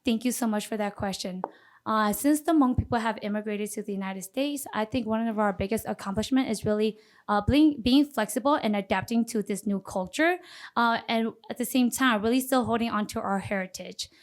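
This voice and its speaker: Woman doing pageant contestant interview answers, kinda high voice, earnest n formal. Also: brisk. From Minneapolis, Minnesota.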